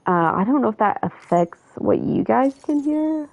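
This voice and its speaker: A woman streaming a video game from home, talking to her viewers in a loose, rambling way and laughing easily. Her voice is heavily gravelly and breathy-husky, with a mellow, dark tone. Her pitch moves a lot as she talks. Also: expressive, moderate pace, no echo, muffled recording. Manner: chatty, rambling, self-correcting, laughs easily. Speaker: livestreamer playing a video game. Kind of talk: casual livestream chat.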